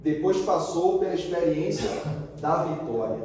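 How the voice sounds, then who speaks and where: A man's voice: fairly high pitch, a little slow. A man preaching a sermon as a pastor, telling a story vividly and acting out the dialogue. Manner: lively storyteller who acts out the dialogue. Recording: echoey hall, voice from far off.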